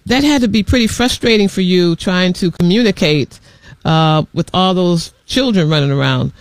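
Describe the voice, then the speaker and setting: A man's voice: high-pitched, moderate pace, no room sound. A man hosting a college radio talk show, introducing and interviewing a guest with enthusiasm.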